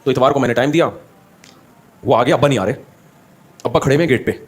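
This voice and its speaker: A man tells funny stories during a religious talk, and he talks quickly. He slips into the voices of the people in his stories as he goes, and his pitch sits in the middle range. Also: husky. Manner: animated anecdote-telling, acting out the people in his stories. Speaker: Islamic scholar giving a talk. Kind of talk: humorous storytelling in a religious talk.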